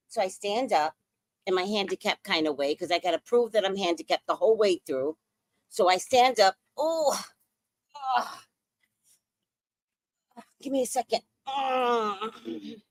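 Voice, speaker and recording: A woman in her sixties hosts a podcast, telling a story in a casual, profane and theatrical way. Her voice sits fairly high and swings widely in pitch. The sound is dry, with no room echo. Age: 60s. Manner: animated, profane, dramatic storytelling. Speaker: podcast host.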